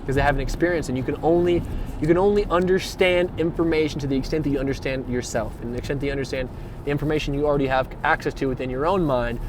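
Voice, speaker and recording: A man's voice: fairly high pitch, rapid-fire, noisy background. Slangy, preachy man vlogging outdoors. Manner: rambling and repetitive, slangy, swears freely; preachy, emphatic, asks rhetorical questions. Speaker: spiritual vlogger. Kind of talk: casual spiritual monologue.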